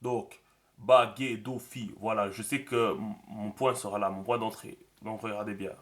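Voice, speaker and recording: A man explaining a writing system in a relaxed screen tutorial, thinking aloud with many fillers. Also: on the low side, moderate pace. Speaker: teacher.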